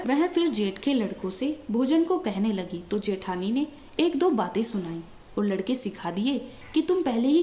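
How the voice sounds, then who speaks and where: A woman reading a devotional fasting story in a steady recital. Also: on the high side, echoey room.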